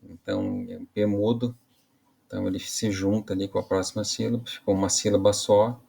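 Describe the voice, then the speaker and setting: A man's voice: lowish voice, flat delivery, creaky, warm tone, breathy edge. A man teaching an online Portuguese grammar lesson, explaining casually, often ending phrases with tag questions and restarting mid-sentence. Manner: casual explaining with frequent "né" and "tá" tags; halting restarts while explaining.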